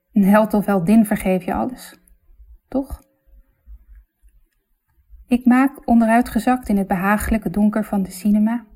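Mellow woman reading literary fiction. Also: mid-range voice. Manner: reflective, measured and intimate. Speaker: narrator. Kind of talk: literary audiobook narration.

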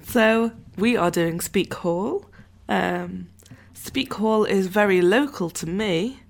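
A woman co-hosting a podcast, unhurried as she reads out thanks and introduces the episode. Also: medium pitch, vocal fry. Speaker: podcast co-host. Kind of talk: casual chat.

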